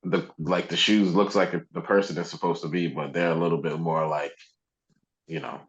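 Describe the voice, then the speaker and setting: A young man co-hosting a casual podcast, frank about his opinions. His voice sits on the low side. The sound is a little dull and lo-fi. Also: flat delivery, normal speed. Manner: blunt, opinionated. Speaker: podcast co-host. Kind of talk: casual chat.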